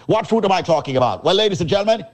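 A man hosting a radio show, giving a showy, teasing sales pitch and repeating his points. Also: animated, very fast. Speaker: radio host selling a supplement.

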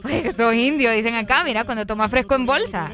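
A woman's voice: on the high side, fairly quick. A Honduran woman co-hosting a morning radio call-in show, teasing and laughing often. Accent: Honduran Spanish. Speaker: radio co-host.

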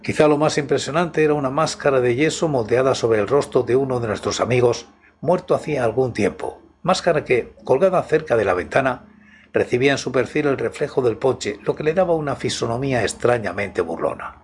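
A man narrates scripted horror stories in a hushed, intimate half-voice, as if right in the listener's ear. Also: medium pitch, animated, brisk, slight background noise. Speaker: channel host and horror story narrator. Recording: music behind the voice. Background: background music.

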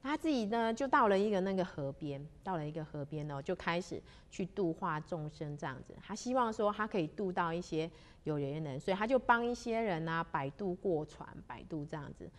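A woman's voice: on the low side, animated. Woman telling a moral tale. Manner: unhurried, sentence-final particles drawn out. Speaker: religious storyteller. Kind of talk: spiritual storytelling talk.

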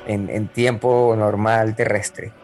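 A man's voice: lowish voice, little pitch movement, slow pace, a little mellow, soft background music. Rambling Venezuelan man in his twenties. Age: 20s. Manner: rambling, repeats words, slangy. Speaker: podcast co-host. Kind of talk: casual storytelling chat.

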